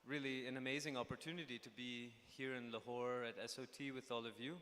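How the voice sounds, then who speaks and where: On a conference stage in a big hall, a young man who makes documentaries improvises his panel introduction, halting often with fillers and restarts. He was born in the United States and is from Pakistan, and his medium-pitched voice is steady and fairly bright. Hall reverb and a faint ambient hum surround him.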